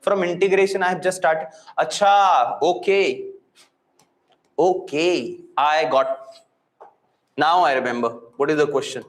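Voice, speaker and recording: Casting: male classroom teacher, Indian accent, high voice, emphatic and repetitive delivery, reverberant room. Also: unhurried, pauses often. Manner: repetitive, emphatic, asks and answers own questions. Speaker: physics and maths teacher. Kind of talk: live classroom lesson. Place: indoor room with echo. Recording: echoey room.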